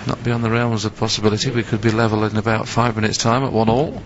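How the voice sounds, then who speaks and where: A man with a fairly low voice talks through a snooker match in an analytical, conversational way. The sound is muffled, with noticeable noise behind him. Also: steady tone, fast talker. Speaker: snooker commentator. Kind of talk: live snooker commentary. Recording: muffled broadcast with background noise.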